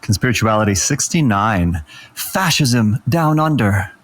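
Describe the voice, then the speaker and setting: Man, low voice, podcast co-host, scripted intro, measured read. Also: animated. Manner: measured read-aloud delivery.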